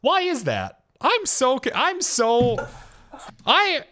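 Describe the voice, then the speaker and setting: An American man with a high, bright voice reacts live as a streamer. He is joking and profane, swinging widely in pitch as he comments casually. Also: huge pitch swings, slow, a little hiss or hum. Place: indoor home streaming room.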